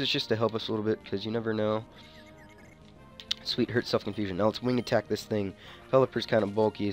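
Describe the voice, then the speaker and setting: Casual male gamer, lowish voice, informal and slangy, commentating over game music. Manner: informal, slangy, thinking aloud. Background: video game music.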